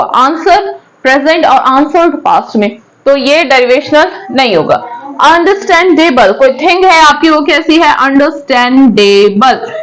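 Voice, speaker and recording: Woman, high voice, Hindi accent, grammar teacher, asks and answers her own questions. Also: rough recording. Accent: Hindi-accented English. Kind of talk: online class lesson.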